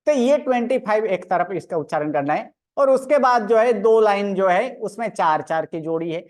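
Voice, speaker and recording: A woman's voice: mid-range voice, animated, normal speed, a little mellow. A woman teaching a grammar lecture, methodically counting aloud and drilling each sound one by one. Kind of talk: online lecture.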